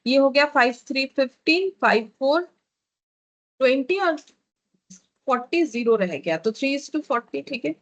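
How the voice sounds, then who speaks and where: High-voiced woman teaching a math class. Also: a bit bright, poor audio. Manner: explains step by step, checks in with frequent "okay".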